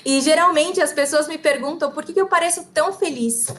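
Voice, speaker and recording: A woman with a Brazilian Portuguese accent interprets a talk phrase by phrase. Her voice is high and her delivery fast, and she keeps pace with the speaker. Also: fairly bright tone. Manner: quick, relaying phrase by phrase. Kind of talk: consecutive interpreting.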